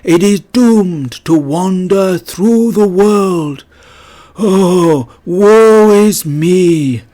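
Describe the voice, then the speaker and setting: Doomed, wailing Jacob Marley's ghost, agonisingly slow. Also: male voice, on the high side, a little mellow, pitched above the performer's own voice. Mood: doomful, wailing. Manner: slow, drawn-out, wailing declamation. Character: mournful, doomed ghost of a dead businessman.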